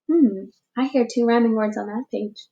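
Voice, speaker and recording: A woman teacher reading a picture book aloud to young children, slow and expressive, giving the animals little voices. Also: on the high side, vocal fry, dull audio. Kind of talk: read-aloud storytime for children.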